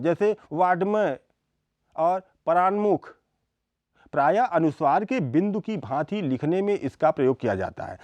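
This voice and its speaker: Slow, lively-pitched male lecturer. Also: dry recording. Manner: slow and deliberate, listing sounds one by one. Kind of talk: scripted educational lecture.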